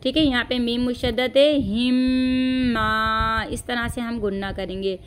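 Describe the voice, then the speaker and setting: A woman teaching recitation as a patient, corrective teacher, chanting slow phrases and then explaining each one. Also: a little high, clear, resonant tone. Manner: patient, corrective, says "theek hai" often.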